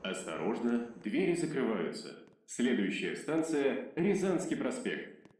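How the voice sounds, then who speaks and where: A man making a recorded metro announcement over the train loudspeaker in slow, formal phrasing. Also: medium pitch, very animated. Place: inside a metro train car. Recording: echoey loudspeaker from far off, noisy.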